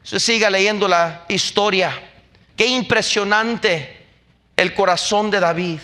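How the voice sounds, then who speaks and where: A pastor delivers an emphatic sermon at a church service, pushing his points to impassioned peaks. His voice sits very high for a man, and it is bright and forceful. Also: takes it slowly.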